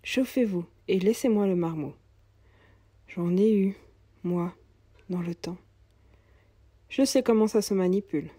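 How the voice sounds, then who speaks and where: A kind old shoemaker in a storybook tale, played by a woman, coaxing and fatherly. The delivery is slow and husky, recorded dry. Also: on the low side, dark tone, no echo. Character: kindly old male cobbler, gentle.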